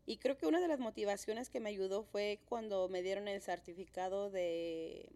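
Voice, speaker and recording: A woman's voice: mid-range voice, normal speed, mellow. A woman in her thirties from Mexico, a podcast co-host talking in a friendly, easy way. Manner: friendly, encouraging interviewer. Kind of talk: casual conversation.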